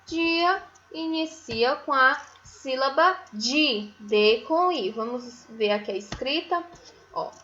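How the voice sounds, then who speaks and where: Through a muffled recording comes a Brazilian-accented woman's voice, high, animated and sharp in tone. She's leading a phonics lesson for young children, stretching each syllable and often asking "né?" or "certo?" to check they're following.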